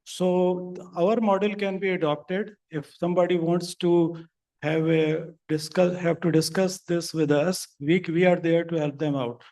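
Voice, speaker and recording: A man on a conference panel, speaking in a halting way with restarts. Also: fairly high pitch, steady tone, darkish tone, rough recording. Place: conference hall.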